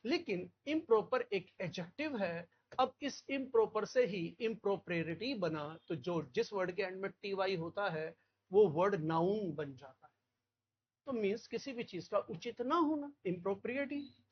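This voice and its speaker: A man from India teaching a vocabulary lecture, repeating key words and checking understanding with quick questions. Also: high voice, breathy edge, muffled recording.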